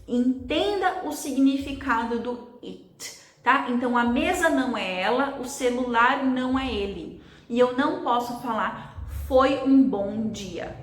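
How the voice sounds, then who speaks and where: A Brazilian woman gives an English lesson at an unhurried pace, often pausing to ask "ok?". Her voice sits a little high. The room around her is noticeably echoey. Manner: explains slowly, checks in with "tá?" and "ok?". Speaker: English teacher.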